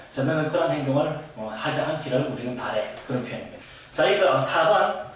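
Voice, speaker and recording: A man gives a recorded English grammar lecture, working through each example step by step and dropping in short fillers between phrases. His voice sits a little high for a man. The sound is very echoey and comes from a distant mic, with faint music underneath. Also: a little hiss or hum. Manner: explains step by step with frequent "ja" and "eo" fillers.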